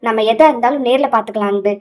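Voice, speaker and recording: A woman's voice: a little high, rapid-fire, darkish tone, lightly acted. A woman voicing an angry young man who scolds bluntly, in an audio novel. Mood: stern, scolding.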